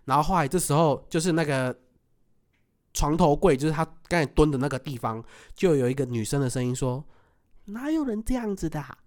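A man telling a story in casual chat, animated, laughing often and acting out what he said. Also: fairly high pitch, a little fast. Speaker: podcast co-host.

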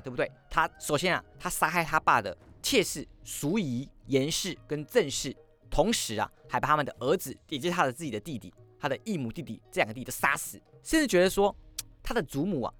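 Animated man telling history over faint music. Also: fairly high pitch. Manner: lively, acts out quoted lines in shifting voices. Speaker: history podcast host. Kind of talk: animated storytelling monologue.

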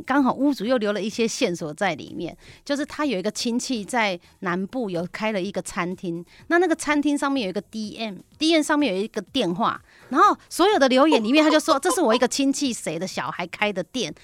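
Her voice leans high and runs a little fast as she chats on a radio talk show. A real estate agent guest, she's an animated storyteller who acts out the lines of the people in her anecdote. The studio recording is free of echo.

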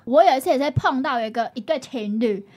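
A woman's voice: sits high, a little fast, darkish tone, lo-fi sound. A woman with a Taiwanese Mandarin accent, co-hosting a podcast in casual chat, feisty and eager to argue. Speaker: podcast co-host.

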